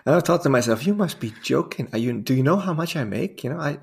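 This guest is a diving instructor in his forties from the Netherlands, a native Dutch speaker, chatting on a casual podcast interview. His medium-pitched voice is creaky and a bit rough, and his storytelling is rambling and self-amused, laden with fillers.

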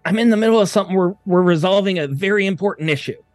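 Man doing a high, whiny otter-like fantasy guy. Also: racing, faint music behind, natural voice. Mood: indignant. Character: excitable, easily upset male camp member, Woford.

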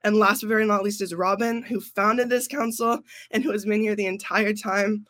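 A man's voice: high-pitched, fairly even intonation, moderate pace, fairly bright tone, dry recording. A young man, a graduating student council member, talking casually on a podcast, emotional and effusive.

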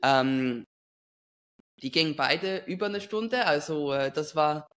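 A young man interviewing in a casual chat, asking halting questions. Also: fairly high pitch, a bit bright. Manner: hesitant questions with many fillers and restarts.

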